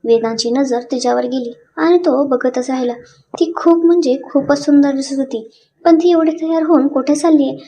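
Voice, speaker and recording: A woman storyteller narrating a romance story in an expressive, dramatic way. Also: high-pitched, normal speed, a little hiss or hum.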